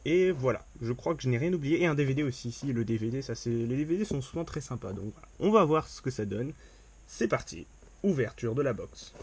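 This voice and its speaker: A man's voice: medium pitch, lively intonation, brisk, darkish tone, breathy edge. A man doing casual unboxing commentary to a camera, chatty and upbeat, with lots of fillers and restarts. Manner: upbeat enthusiasm. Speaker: unboxing vlogger.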